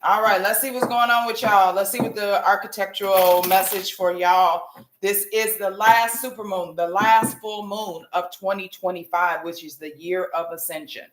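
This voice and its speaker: A woman's voice: mid-range voice, fairly even intonation, normal speed. An American woman giving a casual psychic hotline style tarot reading on a livestream, informal and slangy, speaking straight to her viewers. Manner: informal, familiar, addressing viewers directly with slang. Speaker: tarot reader hosting a live stream. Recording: roomy echo with light background noise.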